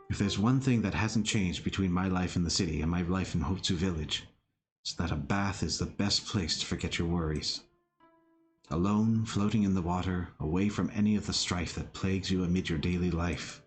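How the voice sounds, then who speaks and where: A man voicing a raspy, teasing young village leader and father figure in a visual novel, with a dry manner. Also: sits low, natural voice. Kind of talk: visual novel character acting.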